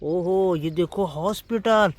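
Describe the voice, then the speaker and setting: A man excitedly narrating toy car play for children, calling out to the kids and making vehicle sounds with his mouth. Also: high-pitched, takes it slowly, very noisy.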